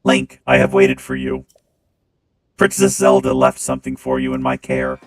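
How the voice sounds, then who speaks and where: A man voicing a calm, dutiful male robot steward through a robot voice filter, speaking formally. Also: extremely low pitch, soft background music, pitched below the performer's own voice. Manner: formal, measured, reminiscing. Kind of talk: gameplay stream reading game dialogue.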